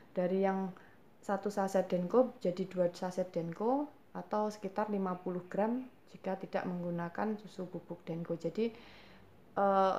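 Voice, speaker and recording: A cooking channel host with a Javanese accent runs a home baking tutorial, patiently explaining things and answering viewer questions, often hesitating with fillers and calling her viewers mothers. Her mid-range voice is a little mellow, with slight background noise.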